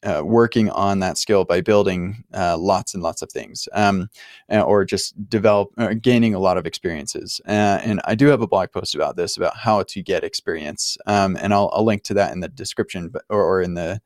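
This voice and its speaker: A podcast host answers a caller in a friendly, reflective way, often thinking aloud. His voice is fairly low and he talks at a normal speed. The sound is dry and close to the mic, with no echo.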